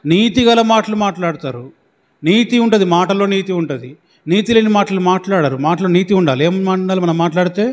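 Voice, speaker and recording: Male pastor with a high voice, preaching emphatically and quizzing his flock, church hall with long reverb. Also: fairly quick. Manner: preaching with questions to the congregation; repetitive, emphatic delivery. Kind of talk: sermon.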